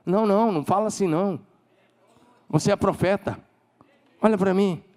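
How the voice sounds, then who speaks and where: A man with a Brazilian Portuguese accent preaching a sermon as pastor, emphatic, leading call-and-response and climbing to shouted declarations. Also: high-pitched, normal speed. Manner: leads the congregation in call-and-response.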